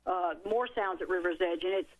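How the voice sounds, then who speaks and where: Brief: a middle-aged woman author, guest on a talk show, an animated storyteller who acts out her quotes. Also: lowish voice, a little fast, narrow, tinny audio. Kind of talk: storytelling in a talk radio interview.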